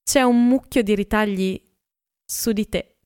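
An eager, nervous rich young man from an audiobook, as a woman reader gives him voice. He speaks quickly and insistently, in a smooth, clear tone at a middle pitch. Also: darkish tone, natural voice. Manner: hurried, insistent.

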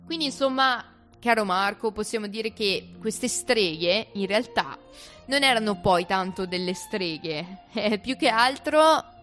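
A woman's voice: medium pitch, lively intonation, takes it slowly, a bit bright. A young woman with an Italian accent co-hosting a casual, playful chat. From Italy. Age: young adult. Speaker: co-host of a university talk show. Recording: faint music under the voice. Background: music.

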